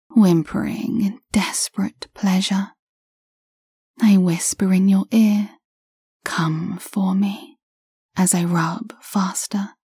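A woman narrating an audio story to the listener in a soft, slow, intimate whisper. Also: on the low side, breathy edge, no room sound, clean studio sound.

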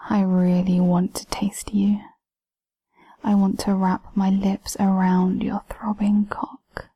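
A woman who whispers the whole way through, airy and breathy, with a dark, mellow tone. She speaks very slowly and evenly, with barely any rise or fall, giving calm, commanding instructions. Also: medium pitch. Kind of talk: whispered intimate audio roleplay.

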